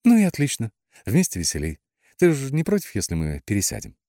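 A man's voice: mid-range voice, huge pitch swings, fairly quick, dark tone, no room sound, studio quality, pitched above the performer's own voice. A man voicing a cheerful, bubbly young woman, the narrator's ex. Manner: bubbly, squealing.

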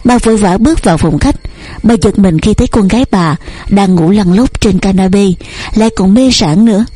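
Woman narrator, storybook reading, soft breathy voice over faint music. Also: mid-range voice. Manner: steady, measured storytelling. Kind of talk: audiobook narration.

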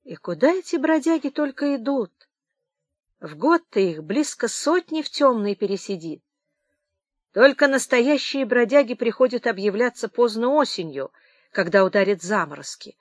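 Gruff ex-soldier watchman, grumbling, as a woman reads him. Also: on the high side, lively intonation, moderate pace, dry recording, studio quality, voice pushed up.

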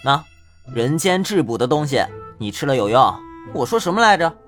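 A tiny green-skinned yaksha ghost, acted by a man, with a swooping, lively voice that rises and falls as he scolds. He talks with mocking, sharp-tongued scorn in a fantasy audio drama, over faint music. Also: mid-range voice, normal speed, lightly acted.

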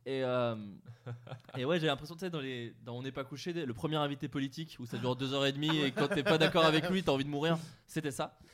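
A podcast co-host with a slightly high voice speaks fast, telling a funny personal anecdote to friends around a table, full of fillers and laughter. A crowd can be heard in the background of this casual storytelling chat.

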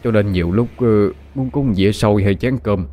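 A man's voice: fairly low pitch, moderate pace, dark tone, natural voice. A man with a Southern Vietnamese accent voicing a kind middle-aged village husband, speaking humbly and earnestly with hesitant fillers.

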